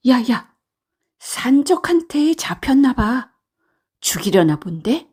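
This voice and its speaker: Two mischievous storybook goblins, voiced by a woman chatter eagerly and trade plans. The voice sits fairly high and moves at an unhurried, deliberate pace. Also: breathy edge, heavily acted. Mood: playful. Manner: chatty, excited, conspiratorial. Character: mischievous playful goblin pair, male.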